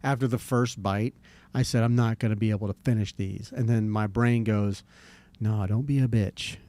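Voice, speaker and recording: Low-ish and dark in tone, this man's voice keeps a fairly even intonation. He hosts a podcast out of Jacksonville, Florida, rambling casually, labeling himself a redneck and stretching stories out at length.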